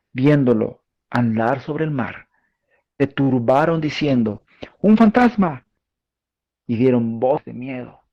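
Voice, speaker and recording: A male preacher with a Peruvian Spanish accent delivers a sermon. He talks in a relaxed, conversational way and keeps asking his listeners questions. His voice is gravelly and dark. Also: mid-range voice, dull audio. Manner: conversational, asks the audience questions, frequent fillers.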